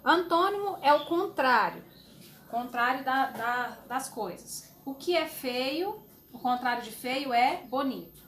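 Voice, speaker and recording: A woman teacher explaining a homework sheet to young children, slowly and patiently, with fond little words. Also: high voice, expressive, a bit bright, slight background noise. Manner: slow, patient, uses diminutives. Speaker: schoolteacher.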